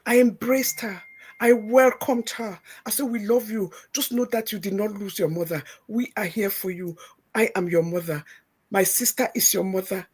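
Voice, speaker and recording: A middle-aged woman with a Nigerian Pidgin-tinged English accent hosts a show and tells a story with animation. Her medium-pitched voice moves at normal speed, a little mellow with a breathy edge, as she emphatically and motherly retells conversations, quoting her own past lines.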